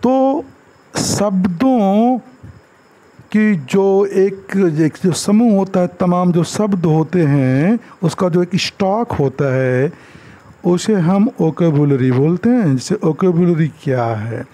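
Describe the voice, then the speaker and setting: Slow, deliberate Hindi-speaking English teacher. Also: male voice, high-pitched, animated, mellow, poor audio. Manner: slow and deliberate, repeats words for emphasis; explains in Hindi, mixing in English phrases. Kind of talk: classroom lecture.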